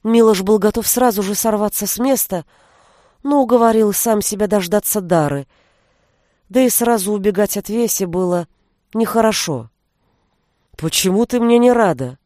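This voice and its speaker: A woman reading an audiobook aloud in an even, measured storytelling manner. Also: medium pitch, no room sound, clean studio sound. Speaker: narrator. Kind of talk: audiobook narration.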